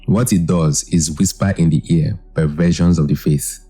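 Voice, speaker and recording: A man with an extremely deep voice gives an earnest, measured commentary. His tone is dark and husky, with faint music underneath. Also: fairly even intonation. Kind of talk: scripted commentary narration.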